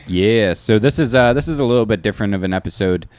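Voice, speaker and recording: A man's voice: lowish voice, quick pace, a little mellow. A young man co-hosting a podcast, laid-back and swearing, with lots of "um". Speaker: podcast co-host. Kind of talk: casual podcast chat.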